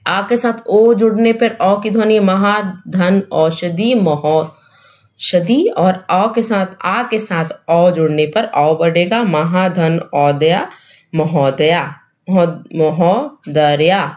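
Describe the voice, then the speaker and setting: Slow, repetitive Hindi grammar teacher, woman. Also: fairly low pitch, a little mellow. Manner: repeats rules and asks questions back to students; mixes English terms into Hindi explanation. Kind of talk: exam-prep grammar lesson.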